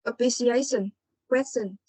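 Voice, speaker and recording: A woman student presenting on word stress, reading examples slowly, one word at a time. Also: on the high side, mellow, husky, dry recording, poor audio.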